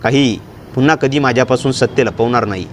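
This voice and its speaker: A man voicing a tearful, devoted young wife in a spoken storybook, with a soft, pleading delivery. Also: medium pitch, fairly quick, slight background noise, natural voice. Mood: tender, pleading.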